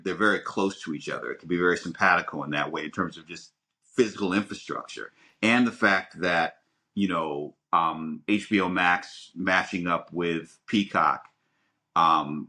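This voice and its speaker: Low-voiced and sounding pushed and bright, this man co-hosts a podcast in a casual, opinionated chat. He speaks emphatically, repeats words as he works toward his point, and rambles in a halting way.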